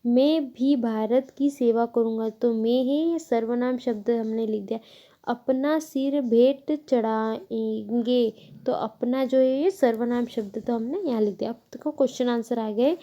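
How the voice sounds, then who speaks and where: Woman teacher, patient step-by-step lesson voice, mellow tone, unhurried delivery. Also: a little high. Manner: slow, patient, explains step by step, self-corrects. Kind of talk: Hindi grammar lesson.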